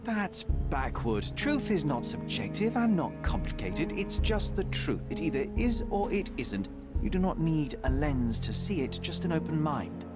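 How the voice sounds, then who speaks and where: Haughty, higher-voiced young detective. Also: male voice, sing-song, moderate pace. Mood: haughty, dismissive. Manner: blunt, argumentative, precise. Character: haughty, coldly logical young male detective. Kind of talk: scripted game voice acting. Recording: loud music behind the voice.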